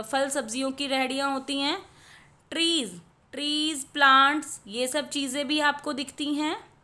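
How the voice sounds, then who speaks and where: A woman teacher goes through a children's worksheet, sounding out each short word letter by letter. Her voice is high and bright, and her pace is slow and patient. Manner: patient, explains each answer, sounds out words slowly. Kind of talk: worksheet lesson in Hindi with English words.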